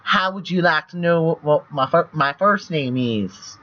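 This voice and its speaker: A playful, guarded young celebrity hero, read aloud by a man. The voice sits fairly high and carries warmth under the caution. The sound is muffled and lo-fi, like a cheap mic. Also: unhurried. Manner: reads lines aloud from a text game.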